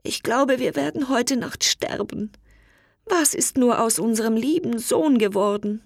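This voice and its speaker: A woman voicing the knight's poor old mother, sorrowful and pleading, partly in a higher, whispery tone. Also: big pitch swings, unhurried, no room sound, clean studio sound, full character voice.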